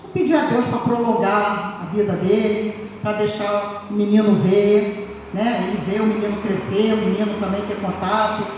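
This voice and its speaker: A woman's voice: medium pitch, steady tone, moderate pace, darkish tone. A woman preaching a sermon with emphasis, often repeating phrases for stress. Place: church sanctuary. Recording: echoey hall, voice far from mic, faint noise.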